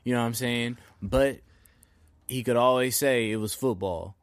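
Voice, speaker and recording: A man co-hosting a sports podcast in loose, profane casual chat, telling animated stories. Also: medium pitch, normal speed, clear, resonant tone, no room sound. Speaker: podcast co-host.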